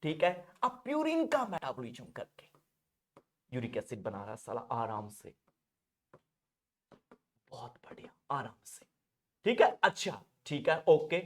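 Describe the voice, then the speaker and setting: A young man giving a lively classroom lecture on drugs for nursing students. He jokes constantly, acts out mock dialogues in other voices, and swings from quiet asides to loud shouts. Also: fairly high pitch, a little slow, pauses often. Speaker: nursing pharmacology teacher.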